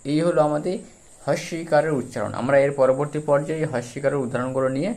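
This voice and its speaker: A man teaching a children's reading lesson, spelling out words syllable by syllable in a slow, drawn-out way. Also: on the high side, fairly even intonation, darkish tone.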